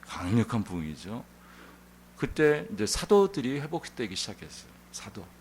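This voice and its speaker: A male pastor preaching a Sunday sermon in an animated, conversational storytelling manner. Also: medium pitch, moderate pace, a little hiss or hum. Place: church sanctuary.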